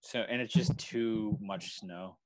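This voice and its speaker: Questioning low-voiced player. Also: male voice, slow pace. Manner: asks many eager questions.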